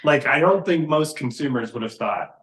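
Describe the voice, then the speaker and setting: A man hosting a podcast, asking casual interview questions in a halting way and often repeating his opening words. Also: on the high side, animated, fairly bright tone, reverberant. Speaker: podcast host.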